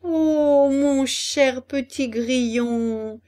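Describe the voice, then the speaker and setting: A woman voicing a cheeky, excitable puppet boy in a storybook reading, with a high, loud, exclamatory delivery. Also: extremely slow. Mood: pleading.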